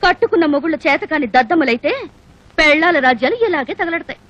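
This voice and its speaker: An actress playing a defiant young woman who taunts her sisters-in-law with sharp, scornful retorts. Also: high-pitched, fast, no echo. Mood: taunting. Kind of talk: film dialogue. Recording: dull film soundtrack with faint music.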